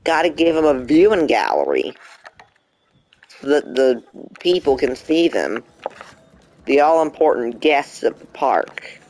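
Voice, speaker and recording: A man's voice: mid-range voice, sing-song, measured pace, pauses often, a little mellow, slight background noise. A young man streaming a game, chatting casually and talking back to the game in mock frustration. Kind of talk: casual live gameplay commentary.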